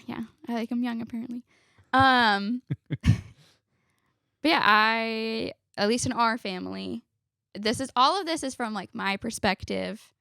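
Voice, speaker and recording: A woman's voice: fairly high pitch, measured pace, creaky, pushed and bright, dry recording, studio quality. A woman in her twenties, a guest on a family podcast, chatting casually and laughing often, sometimes backtracking mid-sentence. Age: 20s.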